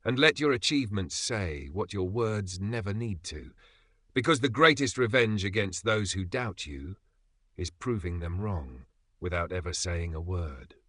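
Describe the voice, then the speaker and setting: Male narrator, low and punchy, for scripted motivational voice-over; deliberate emphatic phrasing, recorded dry and close. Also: animated, pushed and bright, no room sound. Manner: measured, emphatic delivery with dramatic pauses. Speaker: channel narrator.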